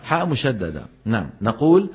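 A man teaching Quran recitation to a class, explaining in casual dialect and chanting example words slowly. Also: mid-range voice, wildly swooping pitch, husky, highs cut off.

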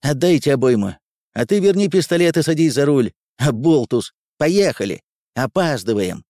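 Man doing a shrill blustering army colonel. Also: big pitch swings, moderate pace, a little mellow, no room sound, clean studio sound. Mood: grumbling. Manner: shrill, indignant, threatening.

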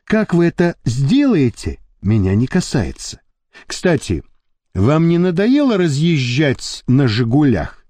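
Brief: a male narrator doing a composed mob boss for an audiobook, measured and persuasive, mellow tone, dry close sound. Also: a little high, sing-song, dry recording, heavily acted. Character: calm powerful male crime boss.

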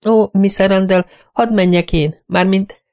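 Guy doing a fluttery nervous lady companion, high and breathless, all apologies. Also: fairly even intonation, a little mellow. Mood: flustered. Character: fluttery timid middle-aged female companion.

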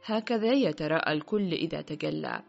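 A woman reads an earnest young prince, raised a little above her own lowish, husky voice. He speaks with insistent conviction in a muffled audiobook recording with soft music underneath. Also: brisk. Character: fervent young male prince, a visionary believer.

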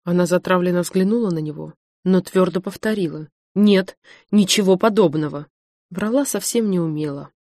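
A woman reads a novel aloud as an audiobook narrator. Her voice is low-pitched and her telling is even and measured. The sound is close, with no room echo. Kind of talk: scripted narration.

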